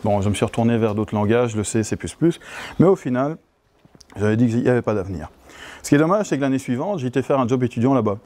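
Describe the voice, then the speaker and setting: A man's voice: mid-range voice, animated, fast, mellow. A middle-aged Belgian man with a Belgian French accent giving a conference talk, chatty and self-mocking. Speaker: conference speaker. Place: conference hall.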